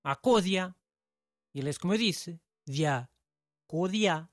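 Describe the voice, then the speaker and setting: A blunt know-it-all host. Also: male voice, sits high, animated, takes it slowly, no echo, clean studio sound. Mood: offhand. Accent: European Portuguese. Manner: offhand, shrugging, teasing. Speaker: show host. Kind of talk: comic scripted banter.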